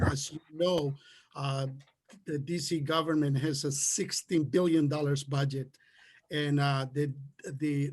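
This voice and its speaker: A male candidate answering a forum question hesitantly, with many fillers and restarts. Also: a little high. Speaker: political candidate.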